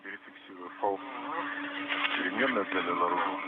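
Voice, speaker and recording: A man's voice: sits low, steady tone, brisk. A man on a crackly spacesuit radio link. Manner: clipped working commands, short confirmations. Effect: crackly space radio link from a suit. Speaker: cosmonaut on a spacewalk. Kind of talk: terse radio callouts during a task. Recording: narrow radio transmission with static.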